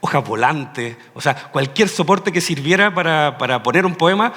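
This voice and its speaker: Bright-voiced man, eager. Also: on the high side, animated, normal speed. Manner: enthusiastic, with many restarts and "o sea". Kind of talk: panel talk. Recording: long hall reverb.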